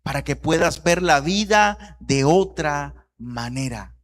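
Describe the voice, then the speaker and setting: A pastor in his thirties delivering a sermon in a voice that sits a little high for a man. He often drops to quiet, reflective lines, then climbs into loud, insistent repetition. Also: animated, slow, slight background noise.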